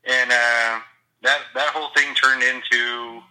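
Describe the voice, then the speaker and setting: A man's voice: medium pitch, little pitch movement, a little slow, pushed and bright. A man calling in by phone on speaker as a guest, chatting casually and rambling with restarts. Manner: laid-back, rambling with restarts and fillers. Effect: heard through a phone on speaker. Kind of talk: casual chat. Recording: phone call played into the room.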